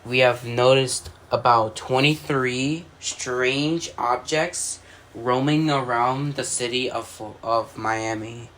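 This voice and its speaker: A man with a medium-pitched, steady, fairly bright voice reads slowly in an announcer-like style, sometimes stumbling over words. He's a video creator narrating his own fictional alert scenario, an amateur scripted mock emergency broadcast. Background noise is noticeable in the recording.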